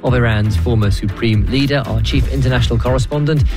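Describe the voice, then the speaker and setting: A man's voice: medium pitch, fast, over music. A man presenting radio news, describing live events as they unfold.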